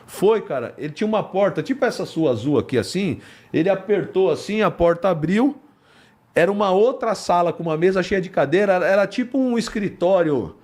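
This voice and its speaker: An older man tells a police story as a podcast guest. His voice sits a bit high for a man, and he acts out each person in the dialogue with casual swearing. He speaks from a podcast studio. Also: lively intonation, a little fast, darkish tone.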